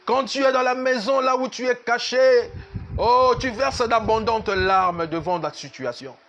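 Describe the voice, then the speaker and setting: Man, pastor's sermon, high-pitched voice, unhurried repetitive delivery. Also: a bit bright, soft background music. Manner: emphatic, repetitive preaching, slipping into sung lines. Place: church service.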